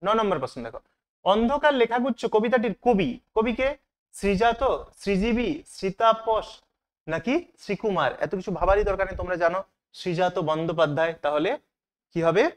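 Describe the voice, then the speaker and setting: A man's voice: high-pitched, fairly quick. A male teacher going through a test paper in an online lesson, asking the students questions and then answering them himself. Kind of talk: online exam-prep lesson.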